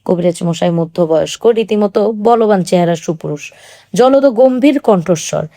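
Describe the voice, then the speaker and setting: A woman narrating a literary novel as an audiobook, in a calm, even storytelling manner. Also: lowish voice, moderate pace, no room sound.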